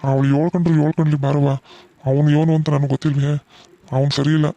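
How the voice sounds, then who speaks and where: Man voicing cartoon father, soothing, dark mellow tone, monotone. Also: a little high, fast, creaky, no room sound, highs cut off. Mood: comforting. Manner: soothing, reassuring. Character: gentle middle-aged village father, reassuring. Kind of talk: cartoon voice acting.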